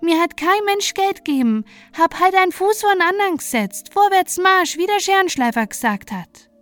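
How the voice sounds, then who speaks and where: Brief: a high, chirpy little peasant boy, cheeky and boastful, as a woman storyteller puts him on. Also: animated, moderate pace, no echo. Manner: chirpy boastful dialect chatter.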